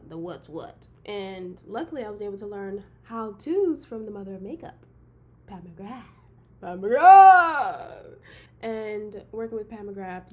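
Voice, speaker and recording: A young woman from Detroit, a model turned beauty vlogger, introducing herself in a bubbly, excitable way with giggly bursts. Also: medium pitch, slight background noise. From Detroit, Michigan. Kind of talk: casual intro vlog.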